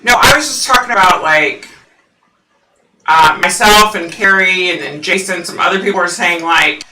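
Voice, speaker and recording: A woman with a lowish, scratchy and husky voice talks at normal speed while hosting a casual psychic livestream from home. She rambles with viewers and uses many fillers, and the sound is roomy, as if she's distant from the microphone.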